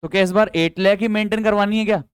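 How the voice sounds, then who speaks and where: A man's voice: high voice, steady tone, fast, clean tone, dry recording. A young man teaching accountancy in a chatty, coaxing lecture, quizzing students with repeated questions and mixing in English terms. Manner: mixes English terms into speech. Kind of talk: classroom lecture.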